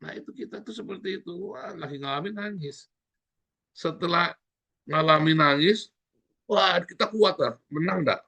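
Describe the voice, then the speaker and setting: A man preaching a sermon as pastor, speaking in an animated way with sudden loud exclamations. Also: sits high, normal speed, vocal fry.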